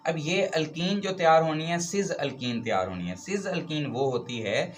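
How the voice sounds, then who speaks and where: A man's voice: on the high side, animated, moderate pace, a little hiss or hum. A man teaching a chemistry lesson, explaining step by step and often checking in with the students. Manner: explains step by step with frequent "theek hai" checks. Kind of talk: classroom lecture.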